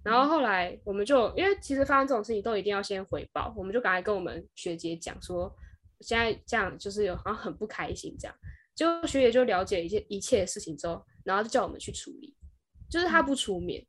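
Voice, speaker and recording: A young woman with a Taiwanese Mandarin accent, co-hosting a podcast and telling a story in an animated way, briefly acting out the people in it. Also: mid-range voice, quick pace. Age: young adult. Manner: animated storyteller who briefly acts out kids and parents. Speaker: podcast co-host. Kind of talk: casual chat.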